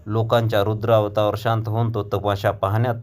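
A man reading a short story aloud, taking the verse passages slowly and sometimes stumbling and correcting himself. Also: fairly low pitch, flat delivery, darkish tone. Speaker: story reader.

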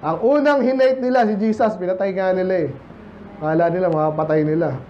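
A man's voice: sits high, a little fast. A man with a Filipino accent, preaching a conversational sermon in church and mixing in English scripture quotes. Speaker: pastor. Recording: dull lo-fi with faint noise.

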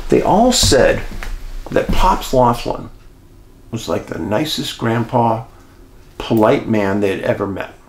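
Guy narrating a missing-person case, low and gravelly, kinda echoey room. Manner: animated, addresses listeners as folks. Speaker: host and storyteller. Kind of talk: true-crime storytelling.

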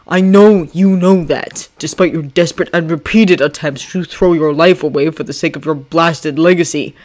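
Woman voicing a weary, commanding male general; low, clipped, firm. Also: darkish tone, natural voice.

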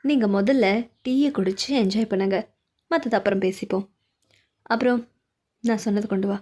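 A woman voicing a calm, shrewd older man who speaks in a measured, composed way, in an amateur dub of an animated story. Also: medium pitch, natural voice.

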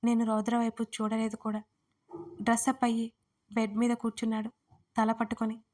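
A woman telling a romance audiobook in the first person, her voice fairly high. Her reading stays level, with little lift or fall. She tells it in a heartfelt, tearful way. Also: completely flat delivery, a little fast, darkish tone. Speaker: storyteller and writer.

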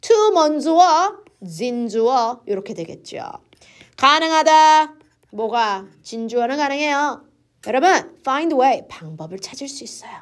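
A woman teaching English reading for an exam, explaining lively in a mix of English and Korean. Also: high-pitched, measured pace.

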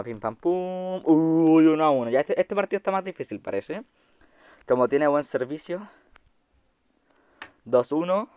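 Chilean guy, higher voice, dry close sound, excitable game commentary, casual swearing. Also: no room sound. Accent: Chilean Spanish. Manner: excitable, chatty, swears casually, talks to viewers. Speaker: gaming YouTuber.

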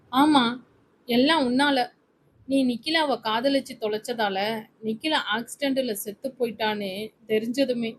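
A scheming man lectures with put-on sympathy, voiced by a woman reading a story. The voice is fairly high. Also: slight background noise, natural voice, poor audio. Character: scheming man feigning concern.

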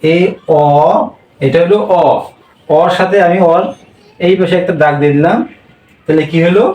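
A man's voice: sits high, steady tone, normal speed, a little mellow, echoey room, far from the mic, low-quality recording. A man teaching a language class, drilling sounds with repeated questions. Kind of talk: classroom lesson.

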